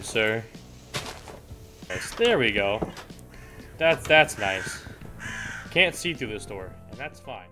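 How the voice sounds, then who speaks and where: A man giving casual, excitable gameplay commentary, exclaiming and swearing at what he comes across. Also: mid-range voice. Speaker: gamer.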